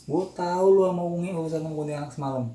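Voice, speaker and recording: A man with a Jakarta accent voicing a young male friend who sees spirits, talking urgently with a rising pitch. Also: quick pace, warm tone, close to an everyday voice. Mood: accusing. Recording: roomy echo, faint noise.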